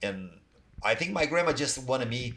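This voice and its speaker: A middle-aged man from Brazil whose first language is Portuguese appears as a guest on a podcast, talking about his work as an athletic trainer in accented English. His casual, rambling speech is full of "you know" and "like," delivered in an expressive, fairly bright, medium-pitched voice at normal speed.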